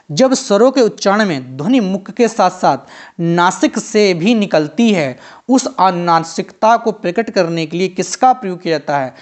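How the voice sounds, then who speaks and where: A male teacher running an exam-prep grammar lesson, drilling students with quick repeated questions and answers. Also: sits high. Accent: Hindi-belt Indian.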